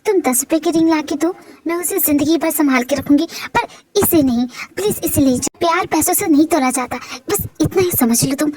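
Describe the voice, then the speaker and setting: A woman's voice: high-pitched, fairly quick, darkish tone, lightly acted. A woman voicing a feisty young college heroine in an amateur fan dub, speaking in a sassy, teasing way.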